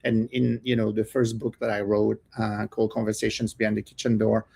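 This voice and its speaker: French-accented man, halting and chatty. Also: on the low side, level tone, creaky, warm tone, breathy edge. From France. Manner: hesitant, many fillers and restarts, laughs often. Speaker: podcast guest, cookbook author. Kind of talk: casual interview chat.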